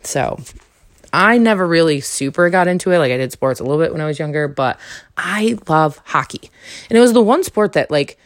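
Young woman podcast host, low voice, animated casual storyteller who jumps up high for quotes, dry recording. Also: a little fast, no echo. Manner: animated, acts out quoted lines with big pitch jumps.

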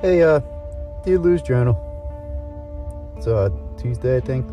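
A man's voice: medium pitch, animated, unhurried, mellow, close to an everyday voice. A man doing a weary, grumbling family man journaling. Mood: deflated. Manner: rambling, muttering, wry self-talk. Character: weary married factory worker journaling, man. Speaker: journal writer. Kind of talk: voice-over journal entry. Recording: muffled lo-fi with music behind.

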